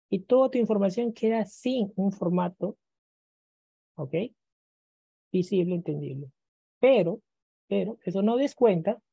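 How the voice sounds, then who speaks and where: Man, computer teacher, deep mellow voice, checks in with listeners, muffled dry recording. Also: creaky, breathy edge, no echo. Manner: acts out students' questions and answers them himself. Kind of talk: screen-recorded lesson.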